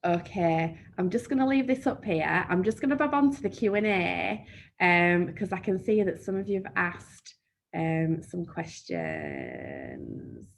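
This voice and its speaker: A woman's voice: lowish voice, big pitch swings, measured pace, creaky. A woman with a broad Yorkshire accent presenting a live marketing webinar and answering questions in a chatty, down-to-earth way, with frequent "um" fillers. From Yorkshire, England. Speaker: marketing trainer.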